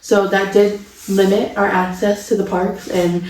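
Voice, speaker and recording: A twenty-five-year-old woman co-hosts a vlog, chatting casually and with enthusiasm from an indoor home studio room. Her mid-range voice is darkish and flat, moving a little slowly. The mic sits at a distance in an echoey room.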